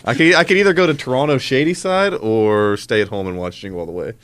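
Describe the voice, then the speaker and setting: A man co-hosting a sports podcast, chatting in a relaxed, rambling way and chuckling often. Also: mid-range voice, quick pace. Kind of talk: casual banter.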